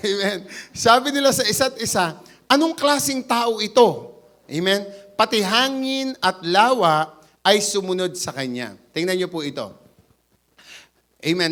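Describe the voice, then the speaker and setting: In a church, a pastor with a Batangas Tagalog accent preaches an animated sermon, acting out the voices he quotes and slipping into English now and then. His voice is high-pitched.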